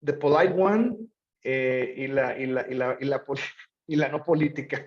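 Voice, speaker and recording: Speaking at a normal speed in a mid-range voice, a male presenter with logistics expertise fields questions in a conversational way and throws in the odd rhetorical question. The audio comes from an echoey room and sounds slightly muffled.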